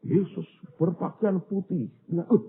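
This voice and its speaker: A man's voice: high-pitched, steady tone, normal speed, creaky. A man preaching a sermon, telling stories, acting out the people in them and speaking straight to his congregation. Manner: storytelling, acting out dialogue, addressing congregation. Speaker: pastor. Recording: tinny phone-like sound.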